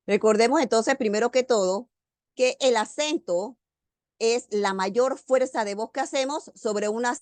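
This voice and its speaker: A woman teacher giving an online grammar lecture, speaking slowly and deliberately and stressing key words. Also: mid-range voice, darkish tone, no echo. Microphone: video call.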